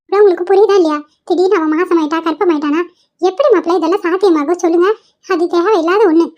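A woman's voice: extremely high pitch, steady tone, fast, darkish tone. A woman voicing a fussy, scolding old grandmother in a cartoon, pleading and nagging. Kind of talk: Tamil cartoon voice acting.

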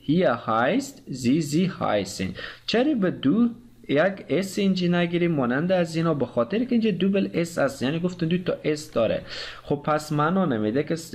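A man with a slightly high voice and an Afghan Dari accent teaches German verbs in a lesson. He hesitates often, filling gaps with "uh" sounds. He reads the conjugation tables slowly and carefully. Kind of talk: explaining grammar, conjugating verbs aloud.

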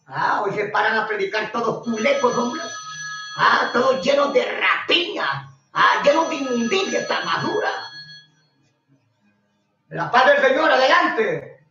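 Shouting Honduran preacher on echoey radio. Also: male voice, very high voice, big pitch swings, a little slow, long pauses, over music. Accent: Honduran Spanish. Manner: shouting, scolding, mocking. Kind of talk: fiery radio sermon with caller greetings. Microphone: radio studio microphone. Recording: echoey lo-fi radio broadcast from far off.

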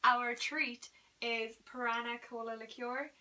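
A woman's voice: on the high side, fairly even intonation, measured pace, sharp tone. A young woman vlogging casually with friends, giggly and dramatic, squealing often. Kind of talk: casual chat. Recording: slightly distant camera mic with faint hiss.

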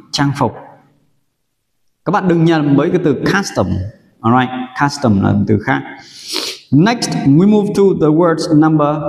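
A male English teacher from Vietnam, drilling vocabulary slowly and repeating each word for learners to echo back. He speaks at a measured, unhurried pace, and his voice rings in a roomy space with a long reverb tail. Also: fairly high pitch, darkish tone. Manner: slow, drills words for repetition. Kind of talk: vocabulary pronunciation lesson.

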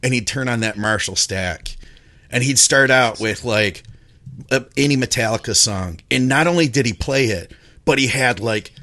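A man in his forties co-hosting a podcast, telling stories in a lively, animated way. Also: mid-range voice, normal speed. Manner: animated storyteller. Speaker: podcast co-host. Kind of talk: casual storytelling. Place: home studio with video call.

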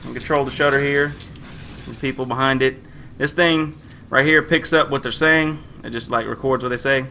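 A man's voice: mid-range voice, steady tone, normal speed, pushed and bright, a little hiss or hum. A young man casually commenting while he plays a computer game, joking crudely and swearing a lot. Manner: puts on silly accents to read game text. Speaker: gamer. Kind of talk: profane let's-play commentary.

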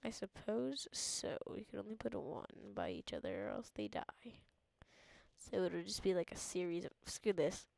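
A woman's voice: lowish voice, sing-song, moderate pace, gravelly, a little mellow, no room sound. A woman giving playful, jokey let's-play commentary, mock-dramatic and often dropping into a whisper. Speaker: gamer.

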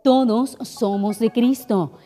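A woman giving calm, devotional scripted narration for a program. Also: on the high side, slow pace, faint music behind.

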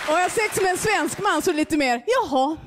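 A woman's voice: very high-pitched, a loud crowd, very noisy. A woman performing a stand-up comedy set in a club, telling stories and acting out short exchanges. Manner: animated storytelling, acting out short dialogues. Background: audience laughter.

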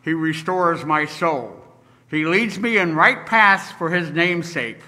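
A man leading worship as liturgist, reading prayers and scripture in a measured, solemn way from a church lectern. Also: a little high, bright, forceful tone. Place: large church sanctuary. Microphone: lectern microphone. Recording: distant mic, long church reverb.

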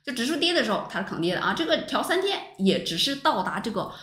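A woman teaching a stock market lesson over chart screens, talking with lively rhetorical questions to her viewers. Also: on the high side, fast. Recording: roomy echo.

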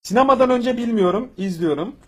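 A man doing casual livestream commentary, animated and emphatic, talking to his chat and swearing freely. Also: very high voice, brisk. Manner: talks to chat and to someone off-mic.

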